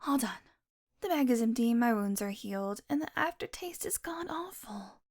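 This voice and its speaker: Acted by a female performer, a sardonic, haughty vampire woman needles the listener with exasperated sarcasm, audio-roleplay style, sounding disgusted. Her fairly high voice is animated with a darkish tone and a moderate pace.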